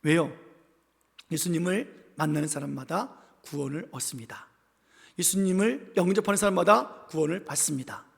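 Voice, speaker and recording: A man's voice: on the high side, expressive, moderate pace, gravelly. A pastor from the capital region preaching a sermon with emphasis, leading the congregation in call-and-response and acting out the voices in his telling. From Seoul capital region. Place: church sanctuary, indoors. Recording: long reverb of a church sanctuary.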